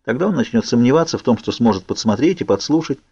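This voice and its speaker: A man voicing a stubborn, quick-witted teenage girl in a persuasive, pleading manner, on a dull lo-fi audiobook recording. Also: medium pitch, lively intonation, mellow, no echo, pitched above the performer's own voice.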